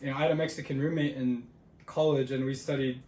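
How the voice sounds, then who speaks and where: A young man co-hosting a podcast chats casually and quizzes his friend, talking fast in a steady, darkish, mid-range voice. The recording has a roomy echo and faint ambient noise.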